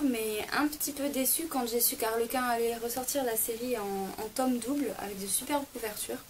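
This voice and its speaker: A young woman talks through a casual book haul on camera, her voice sitting a little high. She chats on with frequent hesitations and quick self-corrections. A faint hiss runs under the recording. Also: rough recording. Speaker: book vlogger.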